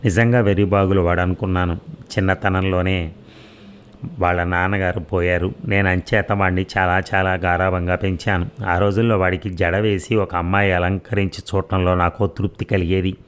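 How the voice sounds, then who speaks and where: A man voicing an elderly mother-in-law in an audio story, pleading slowly and earnestly. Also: deep voice, flat delivery, slight background noise, close to an everyday voice.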